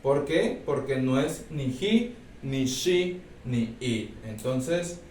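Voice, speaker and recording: Patient teacher in a roomy classroom. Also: male voice, mid-range voice, animated, slow, a little mellow. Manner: explains step by step, checks in with "¿sí?". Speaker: English teacher. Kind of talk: recorded class lesson. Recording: roomy, distant mic, faint background noise.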